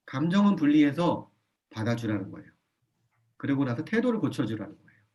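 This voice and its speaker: A man with a mid-range voice gives an animated parenting lecture in a church. He checks in with his listeners and repeats his key points so they stick. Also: medium pitch, brisk, dull audio. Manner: animated, often acts out a parent's lines in a soft voice. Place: church hall.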